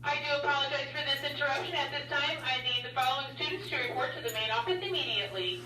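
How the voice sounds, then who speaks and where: A woman's voice: high voice, fast, faint music behind. A woman making a formal announcement over a school intercom, calling students to the main office. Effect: school intercom loudspeaker. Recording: echoey loudspeaker heard from far off.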